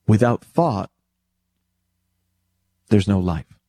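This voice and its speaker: Deep-voiced man giving an explanatory talk. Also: expressive, drawn-out words, mellow, no echo. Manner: emphatic, rhetorical, addresses listener directly. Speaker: speaker teaching spiritual principles.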